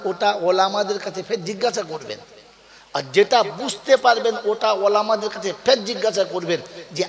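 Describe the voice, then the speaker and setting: A man preaching a waz sermon with a high, ringing voice, heard through a public address system that sends long echoes around a big hall. He keeps throwing questions at the crowd, pushes them to answer louder, and slips into homely stories. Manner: call-and-response, quizzing the crowd and urging them to answer loudly; storytelling with homely examples and a joking edge. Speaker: Islamic preacher. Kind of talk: Bengali waz sermon to a live gathering.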